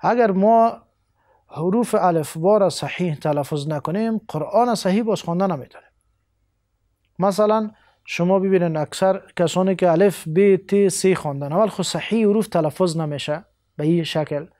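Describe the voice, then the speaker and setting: A man with an Afghan Dari accent giving a televised Quran lesson, spelling letters out slowly and pausing often. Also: sits high, dark tone, no echo, clean studio sound. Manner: deliberate, spells out letters slowly, many hesitations. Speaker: Quran teacher.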